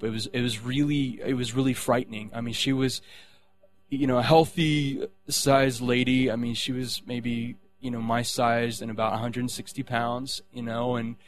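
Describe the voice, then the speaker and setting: Rambling man telling a faith story. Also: mid-range voice. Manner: rambling, with many restarts and fillers. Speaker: speaker sharing a testimony. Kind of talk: personal faith testimony.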